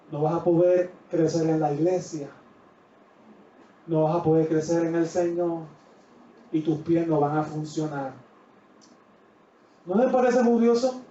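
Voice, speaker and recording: High-voiced Puerto Rican pastor preaching. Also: male voice, a little hiss or hum. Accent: Puerto Rican Spanish. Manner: swings from loud preaching to quiet asides; drawn-out emphatic scripture reading. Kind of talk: sermon. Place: church sanctuary. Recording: roomy, distant, dull church audio.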